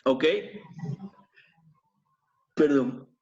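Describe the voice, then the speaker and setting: A man's voice: very slow, mellow, reverberant, lo-fi sound. A man teaching a class, patiently spelling out sounds one at a time and quizzing his students. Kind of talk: explaining pronunciation to a class.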